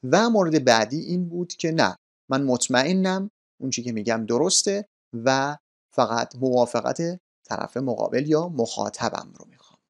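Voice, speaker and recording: A male teacher walks listeners through a grammar point in a calm, explanatory way. His voice has a steady creak to it. He repeats key instructions politely. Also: mid-range voice. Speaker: English teacher. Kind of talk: grammar lesson explained in a relaxed spoken manner.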